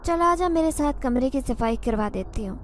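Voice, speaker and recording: A woman's voice: high-pitched, lively intonation, a little hiss or hum. Woman voicing a bossy, scolding mother. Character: bossy middle-aged mother, fussy and caring. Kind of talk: storybook narration.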